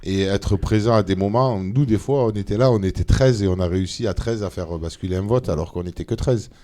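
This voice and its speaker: A man, a member of parliament, talking as a guest in a casual interview, animated and full of hesitations. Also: fairly low pitch, a little fast. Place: studio of a streamed show.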